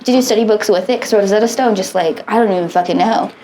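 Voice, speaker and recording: In a low-quality recording with slight background noise, an American podcast co-host in her late twenties talks fast in a dark, medium-pitched voice. Her casual chat rambles, includes plenty of swearing, and often trails off partway through sentences.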